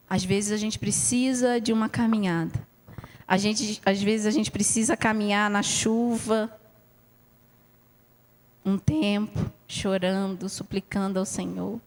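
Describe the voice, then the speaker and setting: A woman's voice: medium pitch, long reverb tail. A woman pastor giving a heartfelt sermon, telling her own story with frequent asides to the congregation. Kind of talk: sermon with personal testimony. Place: church hall.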